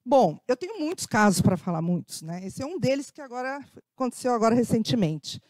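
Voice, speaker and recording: Lively Brazilian woman giving a talk. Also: fairly high pitch, fairly quick, no room sound, studio quality. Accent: Brazilian Portuguese. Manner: conversational, frequent tag questions, acts out quoted dialogue. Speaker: guest speaker, educator. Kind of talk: lecture with personal anecdotes.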